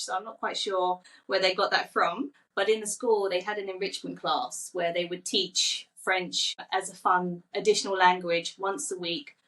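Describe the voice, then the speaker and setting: A woman's voice: mid-range voice, a bit bright, recorded from a distance, low-quality recording. A woman in her forties, from Thailand, talking casually as a guest on a podcast and telling stories with light laughs. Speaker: children's book author.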